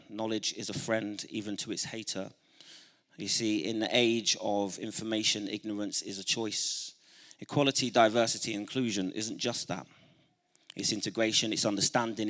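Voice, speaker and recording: Spoken word guy at a church hall event, bright punchy voice, rhythmic lists, gets the crowd going. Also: lowish voice. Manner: rousing, calls on the audience to respond. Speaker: youth mentor and spoken word artist. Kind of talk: speech at a celebration event.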